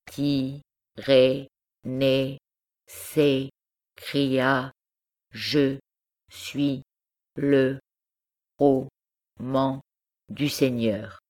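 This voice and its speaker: A little orphan girl spells out a heavy book one syllable at a time, grave and halting, as a woman narrator puts her on. Her voice is soft, slightly hushed and slow, set in a storybook reading. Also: a bass voice, level tone, exaggerated voice.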